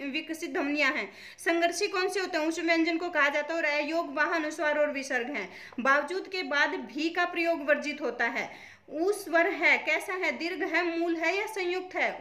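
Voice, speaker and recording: A woman's voice: extremely high pitch, pushed and bright. A woman teaching an exam-prep grammar lesson, explaining step by step by asking questions and answering them herself. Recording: echoey room.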